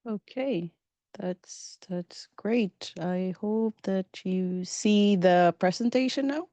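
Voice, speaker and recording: Slow, upbeat woman presenter. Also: mid-range voice, mellow, no room sound. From Philippines. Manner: upbeat, chatty, with frequent fillers and small laughs. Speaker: webinar presenter. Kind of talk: casual live webinar talk. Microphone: video call.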